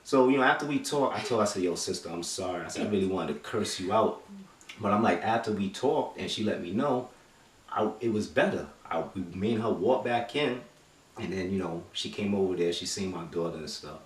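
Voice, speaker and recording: A man telling a story in casual chat, animated and acting out quotes with street slang, recorded from a distance in an echoey room. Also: fairly low pitch, a little fast. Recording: echoey room, mic far off.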